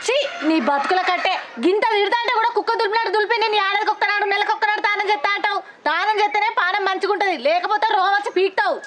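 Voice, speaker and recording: Woman playing a shrill Telangana village wife, nagging, rapid, over loud music. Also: steady tone. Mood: scolding. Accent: Telangana Telugu. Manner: scolding, loud complaining, earthy insults. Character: nagging village wife scolding her unwashed husband. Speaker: actress in a village comedy short film. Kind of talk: comic short-film acting.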